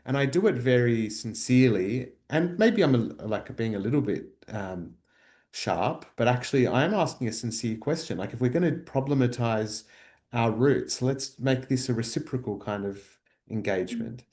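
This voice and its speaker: A man's voice: medium pitch, animated, moderate pace, a little mellow. A man, a researcher, talking reflectively in a workshop, thoughtful and searching, with many fillers and restarts. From Australia.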